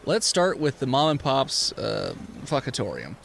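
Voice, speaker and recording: A man's voice: mid-range voice, sing-song, unhurried, vocal fry, a bit bright, a little hiss or hum. A man narrating as game master in a playful, improvised comedic tabletop game. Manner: playful, laughs between lines.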